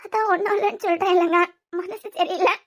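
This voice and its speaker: A wounded, bitter young wife in a homemade cartoon serial, voiced by a woman. Her voice sits extremely high and thin, and she speaks in a Kanyakumari Tamil accent, soft and tearful, with a reproachful edge. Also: fairly quick. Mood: quiet, sad.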